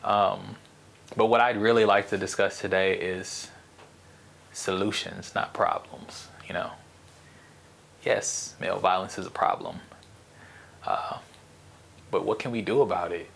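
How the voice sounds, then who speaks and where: A man's voice: deep voice, fairly even intonation, measured pace, gravelly, long pauses, a bit bright, slight background noise. Blunt, profane man talking casually. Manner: blunt, profane, rambling with frequent restarts. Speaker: podcast host. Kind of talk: casual solo podcast monologue.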